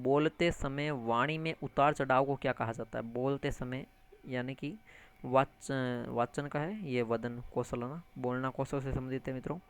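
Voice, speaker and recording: A man teaching an exam-prep lesson, animated, repeating key terms and addressing listeners as friends, with English words mixed into his speech. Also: mid-range voice. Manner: mixes English words into lecture.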